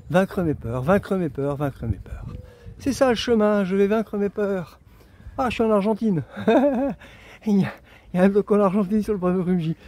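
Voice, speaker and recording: Walking a pilgrimage route on a road and path, a tired man vlogs into a handheld camera, chatty, rambling, self-mocking, and talking to himself. His voice is high with a darkish tone, and a little hiss or hum is audible.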